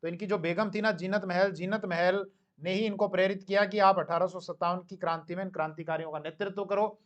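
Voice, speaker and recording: The audio is dull, but the man's high, even voice comes through at a somewhat quick pace as he lectures on history in a recorded class. He narrates conversationally, voices characters' lines, and frequently raises questions before supplying the answers.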